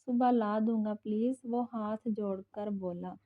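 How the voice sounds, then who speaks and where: A woman's voice: mid-range voice, steady tone, unhurried, phone-quality sound, close to an everyday voice. A woman voicing a teasing, easily exasperated young husband.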